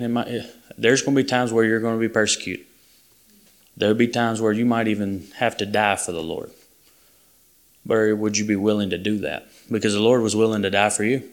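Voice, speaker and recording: A man's voice: fairly low pitch, fairly bright tone. A man preaching a sermon in an earnest, plain-spoken way, often restarting his sentences.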